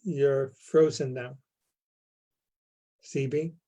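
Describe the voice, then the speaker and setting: The head of a theater company, a man with a mellow, warm, medium-pitched voice, joins an interview as a guest over a video call. He speaks calmly and evenly at an extremely slow pace, taking his time with each answer, and the audio has the slight thinness of a remote link.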